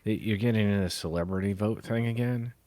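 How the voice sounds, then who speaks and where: Deep-voiced, indignant man in his forties. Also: fast talker. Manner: forceful, indignant, gets loud. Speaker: podcast co-host. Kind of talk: casual political chat.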